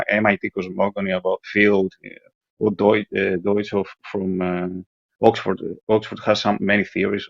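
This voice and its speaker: A husky, gravelly man speaks into an answering machine, leaving a voicemail message. His talk is halting and lecturing, full of restarts and stumbles. The line sounds dull, lo-fi and dry. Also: lowish voice, dry recording. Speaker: voicemail caller. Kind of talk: recorded voicemail monologue.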